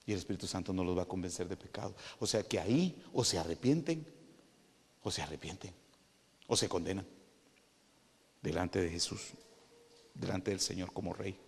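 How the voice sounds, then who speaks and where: Guatemalan guy preaching, gets loud and worked up, keeps saying hermano, echoey church sound. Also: low-pitched, normal speed, vocal fry, pauses often, breathy edge. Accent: Guatemalan Spanish. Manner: animated, addresses listeners as "hermano", rises to loud emphatic peaks. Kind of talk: sermon.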